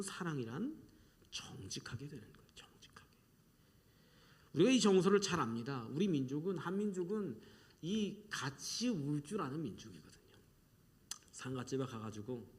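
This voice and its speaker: A middle-aged male pastor preaching a sermon in an animated way, acting out quoted voices and sometimes dropping to a soft whisper. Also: a little high.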